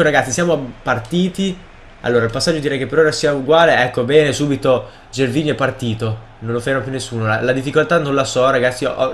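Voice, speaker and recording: A young man with a cold and sore throat, casually commenting on his own football video game match and bursting into shouts at goals. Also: mid-range voice, slight background noise. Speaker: gaming video host.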